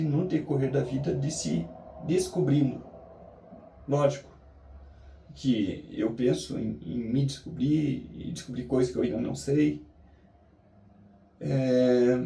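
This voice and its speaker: A Brazilian man talking reflectively and motivationally to a vlog audience, musing haltingly with drawn-out pauses. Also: mid-range voice, vocal fry, dark tone, a little hiss or hum. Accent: Brazilian Portuguese. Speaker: daily challenge vlogger. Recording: roomy echo, distant mic.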